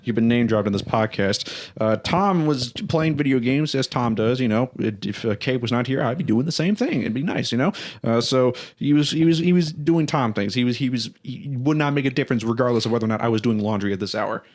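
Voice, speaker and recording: A man's voice: medium pitch, a little fast, few pauses. A young man hosting a podcast, telling a self-deprecating story in a rambling, casual way with lots of restarts. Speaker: podcast host.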